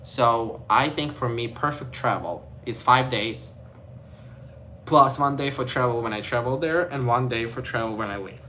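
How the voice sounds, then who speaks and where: A young Ukrainian vlogger with a Ukrainian accent chats casually to camera, rambling and packing his talk with "like" and "you know." His medium-pitched voice sounds pushed and bright at normal speed, with a little hiss or hum.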